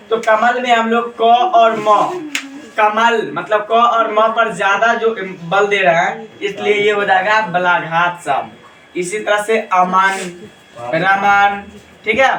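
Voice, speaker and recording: A high-voiced man leads a lively class, calling out questions and echoing the students' replies. He sounds distant in an echoey classroom, with the class audible around him. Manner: asks the class questions and repeats their answers. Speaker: Hindi grammar teacher. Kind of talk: classroom lecture with call-and-response.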